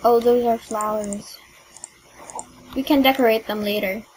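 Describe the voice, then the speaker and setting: A woman's voice: fairly high pitch, fairly even intonation, a little mellow, low-quality recording. A young woman casually chatting while playing a video game, teaching and teasing her mother in a bossy way. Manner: bossy, teasing, quick to scold. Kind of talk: casual gameplay chat. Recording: faint background noise.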